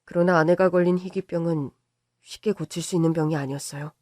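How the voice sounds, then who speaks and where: An older man calmly narrating his own family story in a scripted, reflective way. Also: on the high side, fast, dry recording, clean studio sound. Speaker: narrator, father.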